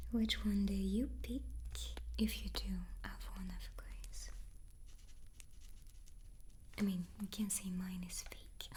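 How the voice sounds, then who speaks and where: A woman doing a whispered ASMR chat in a soft, playful, chatty way. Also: medium pitch. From France. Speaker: ASMR creator and host.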